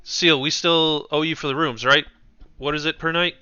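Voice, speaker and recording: A man's voice: on the high side, steady tone, moderate pace, pushed and bright, clean tone, no room sound. A man playing a tabletop game, chatting casually in character in a hesitant, rambling way. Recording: dull, dry close recording.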